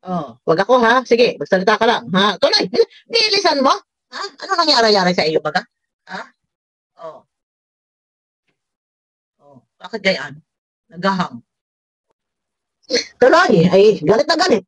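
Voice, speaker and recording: A woman's voice: medium pitch, sing-song, moderate pace, pauses often, a bit bright, no echo. A woman reacting to a clip, scolding and mocking its speaker with frequent laughs. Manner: scolding, sarcastic, laughs often. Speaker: reaction vlogger. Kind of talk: reaction commentary.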